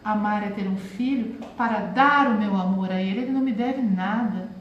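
A Brazilian woman in her forties, with a Brazilian Portuguese accent, hosts a live-streamed motivational talk of a reflective, spiritual kind, often addressing listeners as "gente". Her mid-range voice moves at a moderate pace. The recording is muffled, in a very echoey room with faint hiss.

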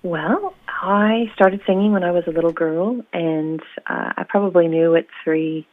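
Over a tinny phone line from her home in New Zealand, this woman from Oregon chats as a musician guest in a casual interview, her American accent touched by New Zealand. Her voice is lowish and a little slow, yet she stays bubbly, laughing often and using plenty of fillers.

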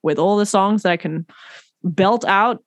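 A woman's voice: medium pitch, normal speed, no room sound. A woman hosting a podcast, chatting casually and affirming her guest, often restarting her sentences. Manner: warm, affirming, many restarts. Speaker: podcast host.

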